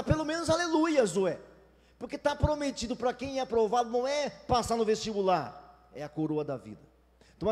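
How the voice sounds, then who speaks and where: High-voiced Brazilian pastor preaching. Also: male voice, darkish tone, long reverb tail. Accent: Brazilian Portuguese. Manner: emphatic, acts out whiny complaining congregants. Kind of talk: sermon.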